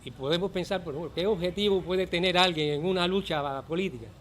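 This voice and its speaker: An older man with a Cuban accent, a former volunteer teacher giving earnest, measured testimony for a documentary. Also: sits high, a bit bright, a little hiss or hum.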